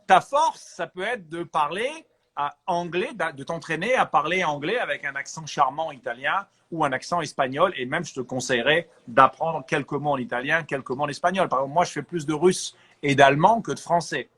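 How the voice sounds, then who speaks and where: A man from France, an actor, chatting as an interview guest and giving lively advice. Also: a little high, fairly quick, breathy edge. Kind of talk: casual interview chat.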